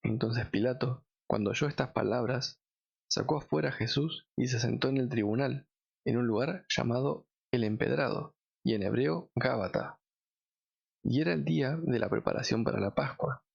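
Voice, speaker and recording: A man reading scripture aloud in a measured, solemn way. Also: mid-range voice, gravelly, husky, lo-fi sound. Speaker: Bible reader.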